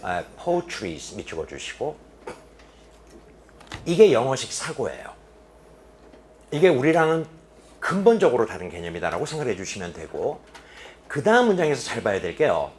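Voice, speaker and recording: A man's voice: on the low side, moderate pace, pauses often, a little hiss or hum. A man teaching an English reading lecture in a classroom, asking his students questions and answering them himself. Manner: animated, with sharp drops to quiet emphasis. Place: classroom at a boarding academy.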